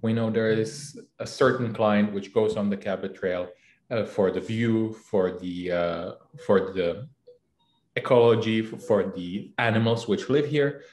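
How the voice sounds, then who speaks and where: Guy fumbling through answers with lots of uhs, lowish voice, roomy echo. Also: darkish tone, a little hiss or hum. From Czech Republic. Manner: halting, many fillers and restarts. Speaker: CEO guest. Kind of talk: casual interview answers. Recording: echoey room.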